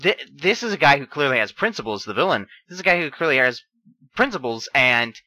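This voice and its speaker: Podcast co-host, a man with a strikingly bright, tense tone, eager and hedging. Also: medium pitch, big pitch swings, brisk, no room sound, low-quality recording. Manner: enthusiastic, hedging. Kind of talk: casual chat.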